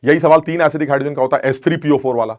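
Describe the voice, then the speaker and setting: A man with a slightly high, darkish voice races through a playful online chemistry lecture. He repeatedly asks the class questions and plays both teacher and student in little dialogues; the recording is dry and studio-clean.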